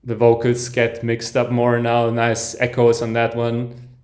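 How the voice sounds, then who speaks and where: A male music reaction host listens to an album live, speaking monotone at a measured pace in a mid-range voice. His comments are enthusiastic, peppered with soft "ooh"s and chuckles, and he often breaks off sentences to restart them.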